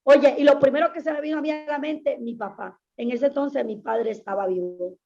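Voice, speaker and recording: A woman's voice: high voice, fairly quick, gravelly, dark tone. A woman pastor giving an earnest, emphatic personal testimony in an interview, often repeating her phrases. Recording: dull lo-fi sound.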